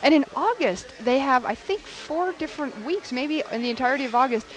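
A woman co-hosting a radio show, running through event listings with brisk, dry humor. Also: high-pitched, expressive, soft background music. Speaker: radio co-host. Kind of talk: reading event listings and chatting.

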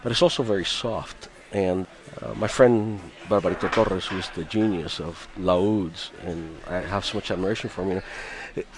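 Radio guest: deep-voiced Cuban-born musician in his fifties, relaxed and chatty. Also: moderate pace, hardly any pauses. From Cuba. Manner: chatty, laughs often, many restarts. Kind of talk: radio interview.

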